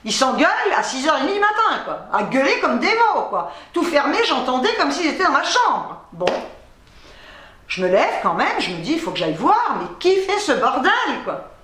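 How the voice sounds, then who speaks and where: A woman vlogger chatting casually to camera, swearing freely as she tells animated stories. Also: high-pitched, moderate pace, reverberant, crowd noise.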